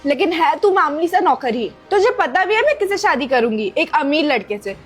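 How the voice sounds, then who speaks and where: Casting: woman as haughty young woman, contemptuous and insulting, very high pitch, faint music behind. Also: big pitch swings, brisk. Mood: scornful. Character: arrogant young woman scorning a poor servant. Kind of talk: scripted skit acting.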